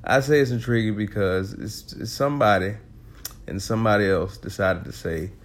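A man with a congested, rough voice hosting his own casual solo podcast, talking loosely, laughing often, swearing and repeating words as he goes. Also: on the low side, moderate pace. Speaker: podcast host.

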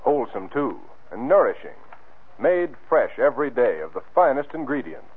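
A man's voice: medium pitch, sing-song, moderate pace, slightly rough. Tinny old radio announcer, a man. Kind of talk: old-time radio announcer, scripted sponsor read and narration. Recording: tinny, band-limited vintage radio recording.

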